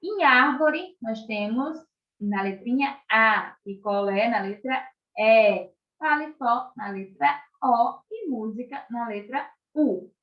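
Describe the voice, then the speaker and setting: A woman's voice: fairly high pitch, expressive. Brazilian woman teacher, echoey dull recording. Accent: Brazilian Portuguese. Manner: slow, clearly articulated, stretches out words for children; keeps checking in with tag questions. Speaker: primary school teacher. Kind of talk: online video lesson for young children.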